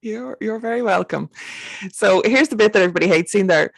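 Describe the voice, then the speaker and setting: A woman's voice: medium pitch, fairly quick, gravelly, no echo. A woman with an Irish accent, hosting a casual interview with informal, tentatively phrased questions. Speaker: interview host.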